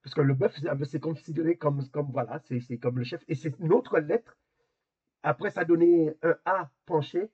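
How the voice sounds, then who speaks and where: Husky male teacher, halting explanations. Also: fairly high pitch, a little mellow, highs cut off. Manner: hesitant, repeats words while explaining. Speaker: Hebrew teacher. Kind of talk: online class explanation.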